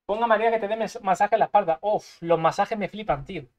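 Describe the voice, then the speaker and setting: High-voiced Spanish streamer swearing at his game. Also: fast, dull audio. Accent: Spain Spanish. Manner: swearing, excitable, mutters to himself while playing. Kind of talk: live gameplay commentary.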